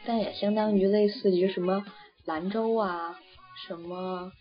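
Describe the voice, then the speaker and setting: A young Chinese woman, interviewed casually, speaks at a medium pitch in a steady, unhurried way. Her talk meanders, full of fillers and starts-over. The audio is flat and lo-fi, with faint background music.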